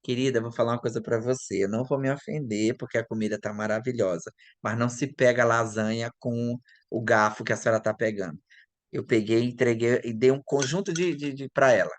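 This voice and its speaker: Male guest from Maranhão, anecdotal and chatty, dry close sound, middle pitch. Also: brisk, dry recording. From Maranhão, northeastern Brazil. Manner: lively, chatty, frequent tag questions. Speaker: interview guest. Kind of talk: casual anecdotal storytelling.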